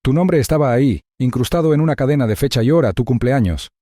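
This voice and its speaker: A man voicing a calm male federal agent who speaks low and steady with quiet urgency in a storybook reading. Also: quick pace, no echo, clean studio sound, natural voice. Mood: urgent.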